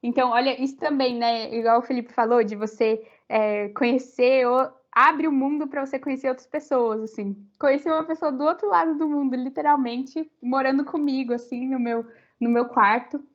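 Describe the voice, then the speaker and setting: This young adult, a Brazilian university student with a Brazilian Portuguese accent, guests on a podcast for a casual interview chat. She speaks at normal speed in a high, steady voice, with lots of fillers and rambling restarts, and the sound is slightly muffled.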